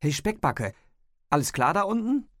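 A man's voice: a little high, big pitch swings, moderate pace, no room sound, studio quality, voice pushed up. A man voicing a cheeky teenage schoolgirl who taunts a friend playfully in an audiobook. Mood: calling out.

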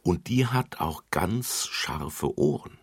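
A man's voice: low-pitched, lively intonation, slow, vocal fry, husky, no echo, studio quality, exaggerated voice. A man reading a children's story, voicing a kindly woman who looks after the children. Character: kindly adult woman, a children's home carer.

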